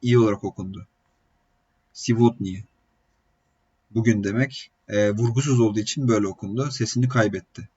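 Low husky male language teacher. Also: steady tone, quick pace, hardly any pauses, a little mellow. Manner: patient, explains step by step with many "e" fillers. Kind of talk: online language lesson. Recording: dull lo-fi recording.

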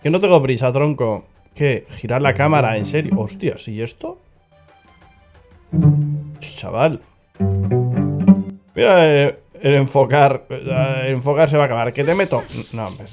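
Over background music, a gaming channel host with a Spain Spanish accent and a medium-pitched, animated voice speaks a little slowly, with long pauses. He's doing casual let's-play commentary, joking and swearing as he reacts to what happens on screen in a video game.

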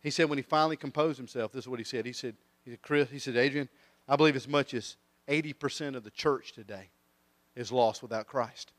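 A man preaching a sermon, telling stories and swinging between quiet intensity and loud rising emphasis. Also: mid-range voice, a little fast, dry recording. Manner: tells stories with quoted voices.

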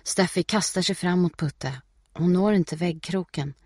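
A man reading a novel aloud as an audiobook narrator, in a steady, measured way. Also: sits high, breathy edge, no echo, clean studio sound.

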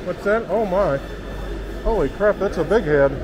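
A man's voice: sits high, lively intonation, normal speed, over loud music, rough recording. A man giving casual walking-tour commentary in a market, exclaiming and marveling aloud. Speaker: travel vlogger. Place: indoor market hall.

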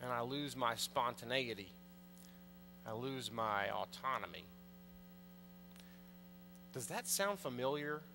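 A man's voice: mid-range voice, lively intonation, slow pace, pauses often. A man in his thirties, a priest, preaching a conversational sermon from the pulpit and putting questions to the congregation. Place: large church, indoors. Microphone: pulpit mic, far camera. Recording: long church reverb, faint mains hum.

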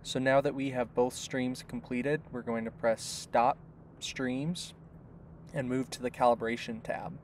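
A man's voice: medium pitch, unhurried, a little hiss or hum. A man giving a step-by-step instructional voice-over for a device setup tutorial. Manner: steady, step-by-step explaining. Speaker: product tutorial narrator.

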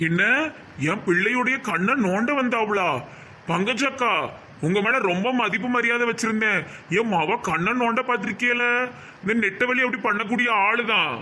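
A man's voice: high voice, moderate pace, pushed and bright, a little hiss or hum. A man playing a bumbling, doting village headman who speaks in a pleading, indignant way, with a Tirunelveli Tamil accent.

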